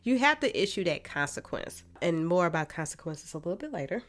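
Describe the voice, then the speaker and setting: A woman's voice: on the low side, sing-song, brisk, a bit bright. An American woman with a slightly nasal, stuffed-up sinus voice, giving casual, direct advice as a podcast host and therapist. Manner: informal, direct, folksy turns of phrase.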